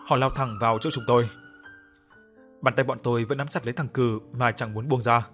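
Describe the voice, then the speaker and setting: A man narrating a story in the first person, with a somber, measured reading and acted dialogue. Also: mid-range voice, fairly even intonation, a bit bright, faint music behind.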